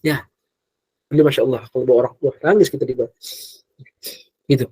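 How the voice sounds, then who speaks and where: A man from Indonesia giving a casual sermon as a preacher, answering questions and swinging between animated and hushed talk. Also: mid-range voice, quick pace, husky, no room sound. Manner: shifts between lively and soft, hushed delivery. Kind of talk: casual sermon with acted quotes.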